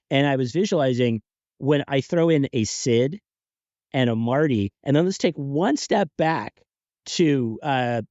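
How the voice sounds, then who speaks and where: Man, podcast host, excitable and rambling, on a home mic with a dry, close sound. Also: medium pitch, dry recording, lo-fi sound. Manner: excitable, rambling, laughing between thoughts. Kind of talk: casual chat.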